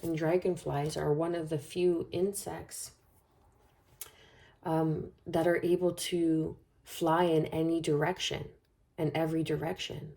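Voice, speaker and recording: A woman with a low, gravelly, dark voice gives a spoken tarot reading, speaking a little slowly in a flat way. Her flowing, soothing delivery repeats phrases and keeps checking in with "okay?".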